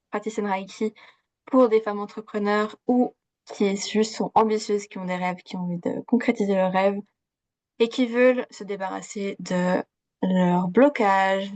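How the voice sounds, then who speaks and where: Guesting on a podcast, a young coach born in Switzerland talks in a relaxed interview style, full of fillers and quick laughs. She has a mid-range, somewhat dark voice in a dry recording.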